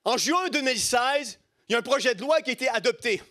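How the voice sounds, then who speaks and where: A middle-aged man from Quebec, Canada, preaches an impassioned sermon in a Quebec French accent, emphatic and rhetorical, repeating key phrases. His voice is extremely high, pushed and bright, and he talks fast and animatedly.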